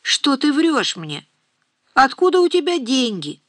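An exasperated middle-aged mother shouts and scolds in a tense, raised voice, as a woman narrator puts her on. Her lines come fast and sharp. The audiobook sound is dry and close. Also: mid-range voice, lively intonation, no room sound. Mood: angry.

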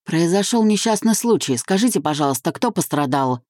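A woman's voice: lowish voice, lively intonation, a little fast, darkish tone, dry recording, clean studio sound, pitched above the performer's own voice. A woman voicing a distraught young wife who speaks in a choked, tearful way. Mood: pleading.

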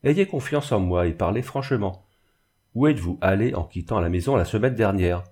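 A man's voice: fairly low pitch, lively intonation, moderate pace, darkish tone, slightly rough. A man reading the part of a harsh, severe old spinster seamstress in an audiobook. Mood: stern. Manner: severe, accusing.

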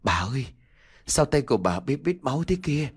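A man's voice: mid-range voice, very animated, moderate pace, breathy edge, voice pushed up. A man voicing a timid, easily frightened elderly husband who stammers in a ghost story. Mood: panicked. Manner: stammering, fearful.

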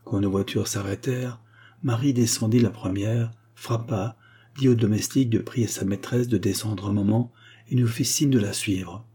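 Man narrating a classic novella, low husky voice, dark mellow tone, measured and dramatic. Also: fairly even intonation. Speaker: audiobook reader.

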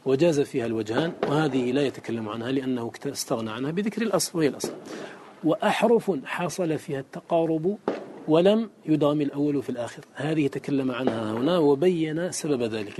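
Man, recitation teacher, somewhat high voice, glossing poetry line by line, slow chanted examples, faint background hiss. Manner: reads verses aloud and glosses them line by line; chants Quranic examples slowly. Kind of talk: classical Arabic lesson explaining a didactic poem.

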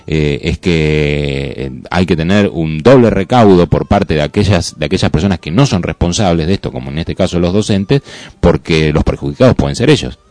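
A very low male voice in a dry studio sound, with a Rioplatense Argentine accent. He gives radio commentary haltingly, feeling his way and doubling up words. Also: animated, a little mellow, no echo. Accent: Rioplatense Argentine Spanish. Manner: hesitant, halting, repeating words. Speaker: radio co-host.

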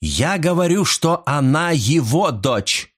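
A man voicing a furious middle-aged woman accused of crimes, shrill and screaming in an audiobook. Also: big pitch swings, takes it slowly, husky, exaggerated voice. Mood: hysterical.

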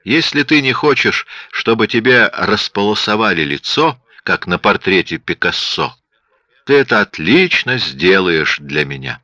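A man voicing a menacing male killer with a low, quiet, threatening voice, on dull lo-fi audio. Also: sing-song, measured pace, no echo, heavily acted.

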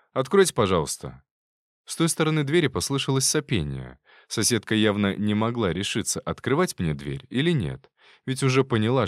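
A man narrating a first-person audiobook in a calm, wry manner. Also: lowish voice, no echo, clean studio sound.

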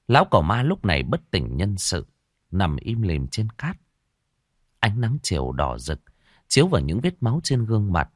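A man narrating a horror story audiobook in a dramatic, expressive way. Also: deep voice, no room sound. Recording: dry close mic with faint music.

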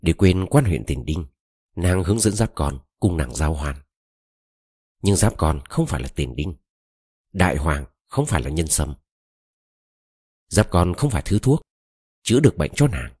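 Deep husky male storyteller. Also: unhurried, pauses often, dry recording, studio quality. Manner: expressive storytelling. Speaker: audiobook narrator. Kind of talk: dramatic novel reading.

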